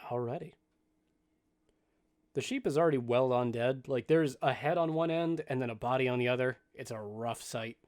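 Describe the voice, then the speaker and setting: A man narrating as game master of a tabletop game, relaxed and full of fillers. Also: medium pitch, moderate pace.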